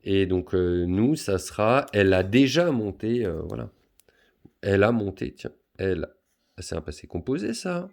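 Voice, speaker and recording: A man's voice: lowish voice, sing-song, normal speed, creaky, a little mellow. A man teaching a school math lesson, patiently talking pupils through each step of a word problem with many fillers.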